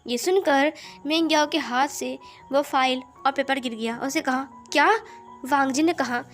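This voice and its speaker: Woman telling a fan story, pretty high voice, acts the quotes out louder, soft music behind. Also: normal speed. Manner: reads quoted lines with raised pitch and force. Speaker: fanfiction narrator. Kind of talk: storytelling narration with acted dialogue.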